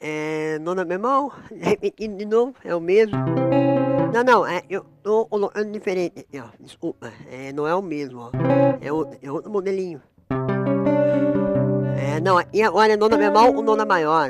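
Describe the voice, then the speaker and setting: Brazilian man teaching guitar over loud chords. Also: high-pitched, lively intonation, normal speed. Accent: Brazilian Portuguese. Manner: thinks aloud, self-correcting, many tag questions. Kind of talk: casual guitar lesson. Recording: guitar playing loudly behind the voice.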